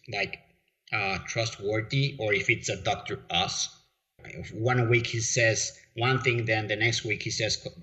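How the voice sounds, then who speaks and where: A man's voice: on the low side, sharp tone. A man from Mexico, a guest in a casual interview, rambling with lots of fillers and restarts. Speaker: podcast guest. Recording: dull lo-fi audio.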